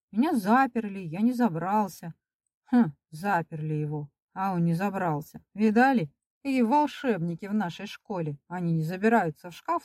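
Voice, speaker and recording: A woman's voice: mid-range voice, a little mellow, no room sound, studio quality, lightly acted. Woman doing a sarcastic male deputy head.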